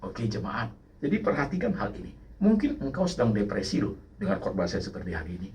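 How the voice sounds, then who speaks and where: A man preaching as pastor, swinging from loud exclamations to low asides, a little off the mic. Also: big pitch swings, fast, distant mic, a little hiss or hum. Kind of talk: sermon.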